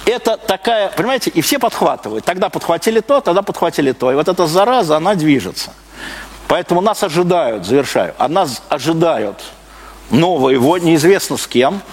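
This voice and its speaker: A Russian man delivers a live public lecture to an audience in a high-ish, very animated voice, talking a little fast. He speaks emphatically, repeating phrases, posing rhetorical questions and leaving sentences unfinished. The live recording is clearly noisy.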